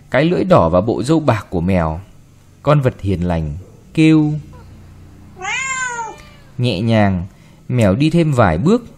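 A man reading a short story aloud with expressive, varied delivery. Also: mid-range voice. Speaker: narrator.

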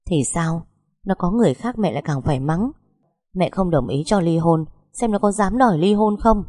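A woman's voice: lowish voice, animated, normal speed, dark tone, no room sound, studio quality. A woman voicing a stern but caring middle-aged mother-in-law who scolds bluntly. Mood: indignant scolding.

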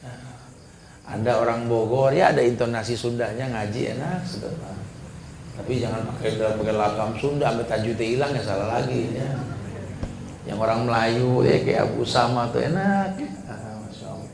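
A man's voice: medium pitch, normal speed, vocal fry. A man preaching a conversational, humorous sermon, reciting verses and mimicking voices to make his points. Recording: echoey room with faint background noise.

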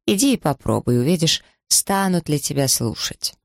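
A man's voice: fairly high pitch, big pitch swings, normal speed, gravelly, dry recording, clean studio sound, voice pushed up. A man reading aloud, putting on the voice of a bold, scornful young village woman with a mocking, haughty manner.

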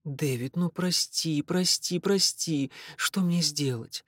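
A remorseful young woman, as a male reader puts her on pleads in a lifted, hushed voice, apologizing again and again. Her words come softly insistent and dry, close to the mic. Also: a little high, slow, dry recording, pitched above the performer's own voice. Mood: pleading.

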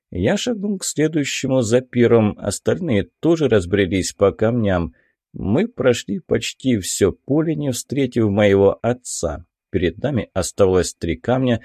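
A man reading a fantasy audiobook aloud in the first person, expressive and lively. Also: medium pitch, slightly rough, no room sound, studio quality. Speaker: audiobook narrator.

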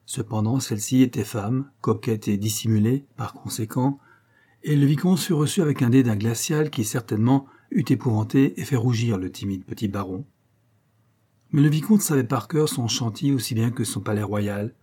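A man narrating an audiobook of a classic story in a measured, literary reading style. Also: medium pitch, dark tone, breathy edge.

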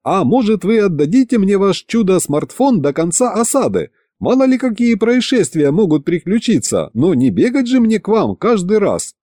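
Brief: pushy, pleading press man, high and keen, male narrator doing him. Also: very animated, normal speed, few pauses, mellow, no room sound, studio quality. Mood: wheedling. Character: eager fawning male newspaper publisher.

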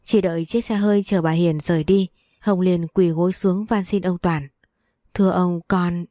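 A woman narrating a story in a steady, even reading voice. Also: lowish voice, moderate pace, no echo, studio quality.

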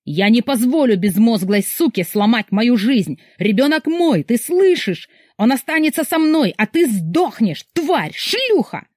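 A woman's voice: fairly low pitch, lively intonation, normal speed, a little mellow, no room sound, clean studio sound, close to an everyday voice. A woman voicing a raging brutal ex-husband. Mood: screaming. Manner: snarling threats, then screaming.

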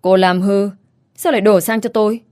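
Story reading: arrogant rich young man, voiced by a woman, taunting and scornful, snapping into angry shouts. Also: mid-range voice, steady tone, normal speed, clean tone, natural voice. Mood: sneering.

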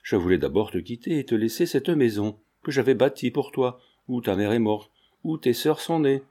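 A man reading the part of a stern, proud aging carpenter father in a storybook, with slow, weighty delivery. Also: medium pitch, lively intonation, mellow, close to an everyday voice. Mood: bitter.

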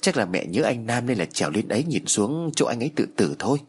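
A man's voice: medium pitch, sing-song, quick pace, darkish tone, husky, exaggerated voice. A man voicing an easygoing young brother who laughs off fears, in a spoken horror story. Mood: dismissive.

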